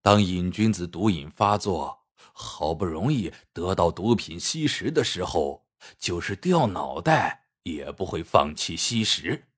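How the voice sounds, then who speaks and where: A man narrating a story in a scripted, measured way. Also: low-pitched, lively intonation, breathy edge. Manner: unhurried, measured.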